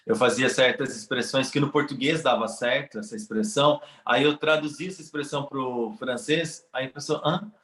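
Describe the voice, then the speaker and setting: Animated Brazilian man in an echoey room. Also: medium pitch. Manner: animated, quick shifts of pace, acts out dialogue. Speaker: guest. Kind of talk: casual conversation.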